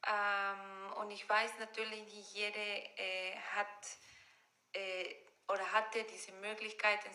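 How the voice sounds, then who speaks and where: A woman from Ecuador, giving a hesitant personal statement in careful German, with frequent pauses and fillers. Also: mid-range voice, pushed and bright, poor audio. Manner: hesitant, many fillers, non-native word order. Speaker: workshop participant.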